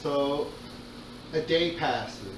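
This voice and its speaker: A man narrating a tabletop game as game master in an informal, halting way. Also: fairly high pitch. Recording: echoey room, far mic, noisy background.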